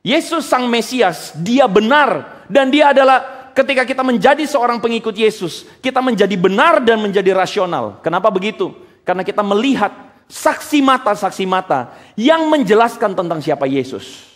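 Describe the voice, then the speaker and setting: A male preacher with a high voice that leaps up and down as he delivers an animated sermon. He fires off rhetorical questions and drops into casual slang. His voice carries a long hall reverb. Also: moderate pace.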